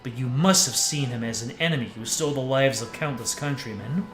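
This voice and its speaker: A man voicing a grave, formal older knight in measured, solemn speech, in a game playthrough. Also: medium pitch, fairly bright tone, voice pushed down, close to an everyday voice. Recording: echoey room, faint music.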